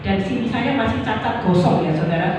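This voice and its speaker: Older woman pastor, animated sermon delivery, distant mic, big echoey hall. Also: medium pitch, fairly quick, noisy background. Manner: addresses the congregation as saudara, acts out pleading prayers. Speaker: preacher. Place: church hall. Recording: echoey church hall from far off.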